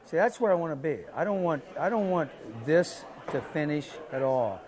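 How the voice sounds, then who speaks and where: Insistent man coaching lifts, higher voice. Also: lively intonation, moderate pace, crowd noise. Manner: insistent, repeating cues, short commands. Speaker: weightlifting coach. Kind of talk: live coaching instruction.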